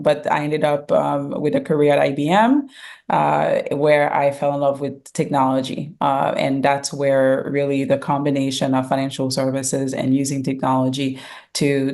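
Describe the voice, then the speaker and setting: A middle-aged woman from Haiti, a company founder answering interview questions in a measured way, with frequent um and uh fillers. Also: low voice, gravelly, a little mellow. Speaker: guest, fintech founder and CEO.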